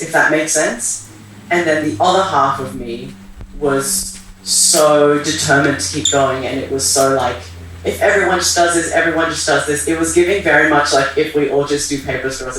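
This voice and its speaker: A man's voice: on the high side, normal speed, fairly bright tone, slight background noise. A young man from Iran sharing personal thoughts at a community talk, hesitant and searching for words with many fillers. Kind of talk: open share at a community event. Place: theatre hall. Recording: echoey hall from far off.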